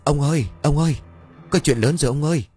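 A man's voice: expressive, brisk, a little mellow, soft background music, close to an everyday voice. A man voicing a frantic young male servant in a spoken story. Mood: urgent. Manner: frantic, high-pitched pleading.

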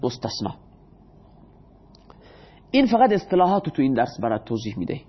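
This man's voice is husky and medium in pitch, with big swings in pitch, on dull audio. He teaches Persian grammar, answering his own questions to the students and reading examples slowly.

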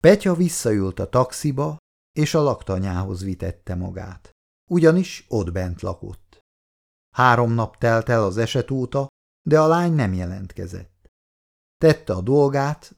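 A man reading an audiobook novel aloud in a lively, expressive scripted narration. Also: mid-range voice, creaky.

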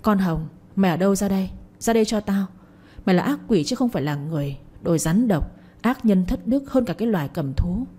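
A woman's voice: mid-range voice, lively intonation, brisk, slightly rough. A woman voicing a furious village mother. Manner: shouting, cursing, accusing.

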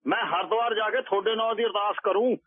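A man's voice: high-pitched, fairly even intonation, fast, no room sound, pitched above the performer's own voice. Man putting on a brash drunken old holy man. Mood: wheedling. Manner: bold, mocking, shouting insults. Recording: tinny phone-like radio line.

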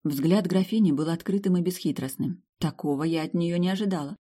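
A woman narrates a first-person audiobook in a calm, even storytelling manner. Her voice is low and mellow, with an unhurried, warm evenness. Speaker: audiobook reader.

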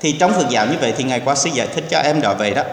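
Rapid-fire and expressive, a man's mid-range voice rings through an echoey hall with long reverb. He is a Buddhist monk preaching earnestly to a temple congregation, exhorting them, acting out quoted speech, and now and then using English words.

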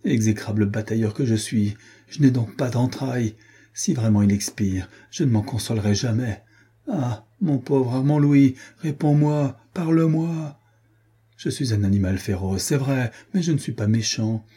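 A man's voice: on the low side, normal speed, mellow, slightly rough. A man voicing a distraught young nobleman. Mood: anguished. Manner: anguished, pleading, explosive.

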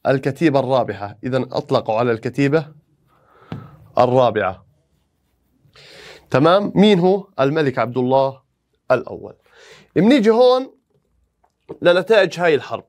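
A man teaching a history exam review, animated and playful, firing rhetorical questions at students. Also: mid-range voice, brisk, pauses often.

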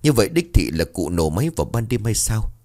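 A man's voice: fairly low pitch, very animated, brisk, mellow. A man narrating a ghost story in a dramatic, suspenseful way.

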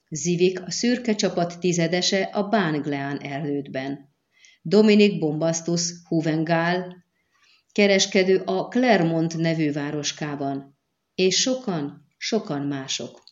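A woman reading a fantasy novel aloud in a measured, even narration. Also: on the low side, dull audio. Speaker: audiobook narrator.

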